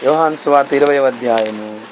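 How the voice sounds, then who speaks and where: A man's voice: mid-range voice, a little fast, background noise. A male pastor preaching a sermon who mixes English words into his talk and often asks his listeners questions.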